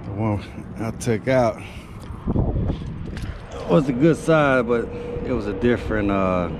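A man's voice: on the low side, takes it slowly. A man, an HVAC technician casually narrating his repair work on a rooftop while he keeps working. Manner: relaxed, talks while working with his hands. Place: outdoors on a commercial rooftop. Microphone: head-mounted action camera. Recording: loud machinery and wind noise. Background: loud rooftop AC unit and wind.

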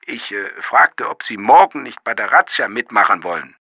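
A man reading an audiobook, voicing a rough, hoarse, pushy male police sergeant. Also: lowish voice, sing-song, normal speed, sharp tone, no echo, studio quality, voice pushed up, heavily acted. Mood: impatient.

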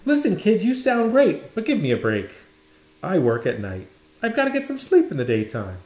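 Grumpy adult male neighbor, loud and exasperated, voice pitched up, done by the storybook reader; roomy echo. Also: huge pitch swings, normal speed. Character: grumpy male neighbor who works nights.

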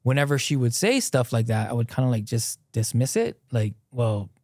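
With a medium-pitched voice at a moderate pace and no echo, this thirty-something guest from Hawaii recounts his story in casual, animated conversation. He gestures as he talks and uses plenty of "like" fillers, recorded on a close boom podcast mic in a small dim studio set with a couch.

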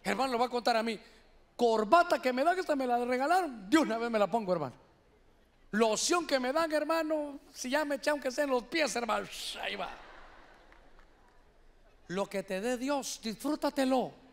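A man's voice: very high-pitched, lively intonation, normal speed, vocal fry. A man preaching a sermon as an apostle, folksy and chatty, acting out little voices and calling listeners "brother". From Honduras. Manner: folksy, acts out voices, keeps saying "brother".

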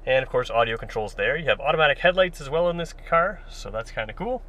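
A Canadian car dealership salesman with a medium-pitched, sharp-toned voice talks fast with lively intonation, casually showing off a car and thinking aloud as he films. It's captured on a handheld camera mic outdoors and inside the car, with poor audio.

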